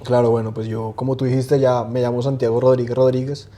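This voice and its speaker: Guy, 20s, mellow tone, easygoing interview guest with lots of "em"s. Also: medium pitch, fairly quick, slight background noise. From Colombia. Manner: relaxed, hesitant, many fillers and restarts. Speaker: guest swimmer. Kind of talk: casual interview chat.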